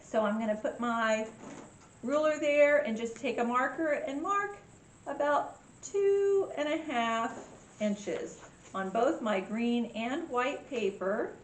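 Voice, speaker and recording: In an indoor room with echo and faint background noise, a woman presents a children's craft tutorial step by step. She keeps the instructions simple and sounds like a cheerful kids' host, her slightly high voice expressive and slow.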